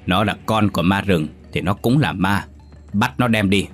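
A man's voice: sits low, normal speed, a bit bright, soft background music. A man voicing a spiteful, scheming old village man who barks orders and gloats. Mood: commanding.

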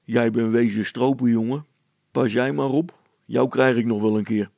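A man voicing a gruff, suspicious village constable who speaks with scorn and threat. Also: medium pitch, steady tone, normal speed, a little mellow, no room sound, natural voice. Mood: scornful.

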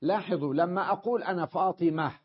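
A man's voice: high voice, quick pace, slightly rough, highs cut off. A male teacher giving a classroom lesson on Arabic grammar, explaining step by step and often checking that his students follow.

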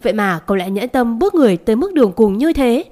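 A woman's voice: fairly high pitch, expressive, a little fast, darkish tone, lightly acted. A woman voicing a timid old nanny. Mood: indignant. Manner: stammering, scolding outburst. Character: poor old female nanny, timid but protective.

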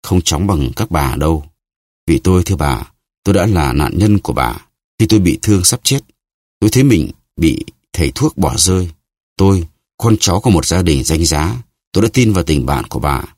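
A man's voice: low voice, a little mellow, no room sound, clean studio sound. A man voicing a vain, boastful musketeer who talks in a haughty, self-pitying way.

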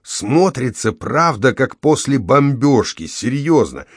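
A man voicing an excitable young male friend who gushes eagerly. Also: medium pitch, breathy edge, no echo, clean studio sound, voice pushed up, heavily acted. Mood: excited. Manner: excited, rushing.

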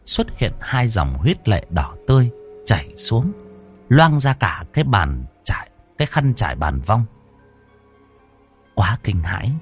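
Low-voiced man telling a ghost story. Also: husky. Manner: dramatic, expressive storytelling. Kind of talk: scripted horror narration.

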